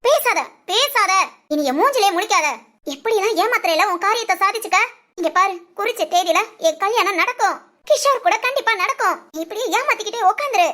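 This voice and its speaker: A woman's voice: very high voice, lively intonation, fast, pushed and bright, heavily acted. A woman voicing a young village woman in a Tamil cartoon drama, emotional and fiery, pleading and scolding. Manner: pleading, sobbing, then scolding.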